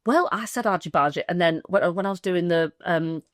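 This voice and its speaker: A woman's voice: on the low side, brisk, no room sound. An English woman co-hosting a casual football podcast, chatty and giggly, often trailing off mid-sentence. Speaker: podcast co-host. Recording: dry, slightly rough sound.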